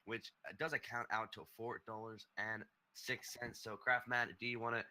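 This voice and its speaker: A man commentating a video game match, calling the plays quickly and excitedly. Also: medium pitch, slight background noise. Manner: quick excited play-by-play calls. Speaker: esports caster. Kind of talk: esports play-by-play commentary.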